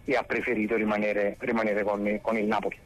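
In a lowish, level voice and at a slightly fast pace, a man calls in sports news on a line that keeps cutting out. He stumbles a bit, repeating words while he works through his reasoning.

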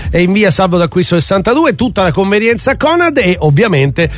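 Animated high-pitched man announcing like a town crier. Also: brisk, slight background noise. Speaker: radio host. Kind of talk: casual radio banter and live sponsor read.

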